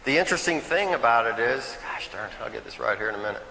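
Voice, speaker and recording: A man's voice: medium pitch, animated, fast, creaky, bright, forceful tone, long reverb tail, slight background noise, low-quality recording. A man giving a nervous, chatty local history talk to a small audience, often checking in with "okay?" and "right?". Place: meeting hall, in front of a crowd.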